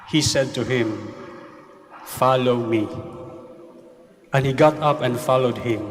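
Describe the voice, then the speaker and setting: A man with a Filipino accent, a priest proclaiming the Gospel and preaching at Mass in a slow, measured liturgical manner, his voice carrying a cathedral echo. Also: medium pitch. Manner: slow, measured liturgical delivery mixing Tagalog and English. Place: large church. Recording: long church reverb with faint room ambience.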